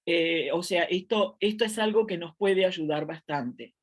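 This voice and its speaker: Halting Uruguayan woman teaching grammar. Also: lowish voice. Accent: Uruguayan Spanish. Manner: thinking aloud with many fillers and restarts. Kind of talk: online grammar lecture. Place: at home, seated in a chair.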